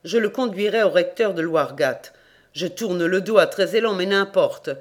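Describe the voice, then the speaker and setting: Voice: mid-range voice, moderate pace, lightly acted. The reader voicing a solemn, commanding old peasant. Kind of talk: audiobook character reading.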